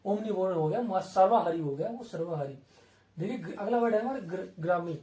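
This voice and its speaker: Male exam-prep tutor, Indian English accent, high mellow voice, repetitive drilling delivery, roomy recording from a distance. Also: expressive, brisk. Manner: repetitive, asks and answers his own questions. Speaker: English vocabulary teacher.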